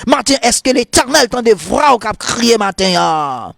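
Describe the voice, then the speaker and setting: A man with a Haitian Creole accent, a priest leading a morning prayer sermon in a fervent, repetitive cadence, moving into softly murmured prayer. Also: extremely high pitch, normal speed, creaky, no echo, clean studio sound.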